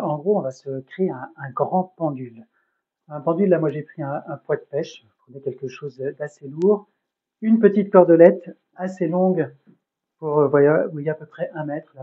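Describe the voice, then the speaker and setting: A man's voice: fairly high pitch, husky. A man running a hands-on demonstration as a trainer, explaining it hesitantly, step by step. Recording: tinny phone-like sound.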